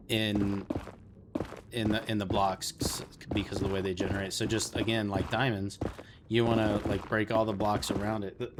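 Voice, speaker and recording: A man hosting a let's play, chatting casually to viewers about his game and getting easily excited. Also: fairly low pitch, background noise. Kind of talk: casual gameplay commentary.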